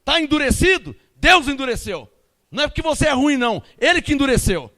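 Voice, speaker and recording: A pastor with a Brazilian Portuguese accent preaches in an emphatic, animated way, alternating loud outbursts with quiet asides. His voice is very high-pitched and his pace is brisk.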